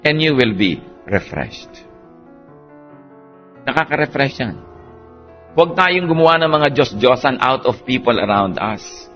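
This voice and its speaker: A man preaching a sermon, animated, swinging between soft passages and emphatic peaks. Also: medium pitch, unhurried, long pauses, faint music behind.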